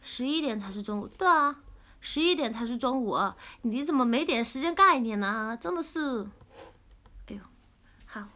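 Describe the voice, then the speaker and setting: A young woman with a Sichuan-flavored Mandarin accent, chatting playfully on a livestream and reading comments, pouty and quick to laugh. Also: on the high side, animated, pushed and bright. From Sichuan, China. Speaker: idol livestreamer. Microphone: phone camera. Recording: dull lo-fi livestream audio.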